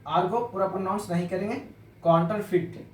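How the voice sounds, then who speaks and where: A man's voice: high voice, fairly even intonation, normal speed, darkish tone. A man teaching English vocabulary, explaining in Hindi, repeating words and spelling them out letter by letter. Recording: roomy echo, voice a bit far from mic.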